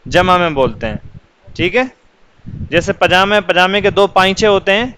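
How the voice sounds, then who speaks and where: A man's voice: high-pitched, lively intonation, pushed and bright, slight background noise, poor audio. A male teacher patiently explaining English words for children, asking questions and answering them himself.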